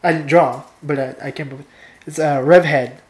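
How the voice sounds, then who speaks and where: A young woman chatting casually with a friend and reading out a story she wrote, playful and quick to laugh. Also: low voice, fairly even intonation, roomy sound. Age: young adult. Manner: playful, laughs easily, reads a story aloud. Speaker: co-host.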